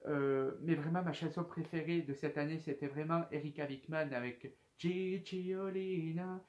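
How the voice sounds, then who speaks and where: A man's voice: a little high, steady tone, measured pace, a little mellow, lo-fi sound. A man of twenty-one chatting casually to camera as a YouTube host, hesitant and full of fillers as he reads out viewer questions. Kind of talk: casual FAQ chat to camera.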